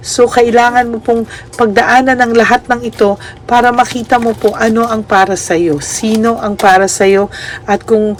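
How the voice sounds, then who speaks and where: A woman giving a tarot reading, gentle and reassuring, mixing Tagalog and English and checking in with "no?". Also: on the high side, slight background noise. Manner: gentle, reassuring, ends phrases with "no?"; mixes Tagalog and English, polite "po". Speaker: tarot reader.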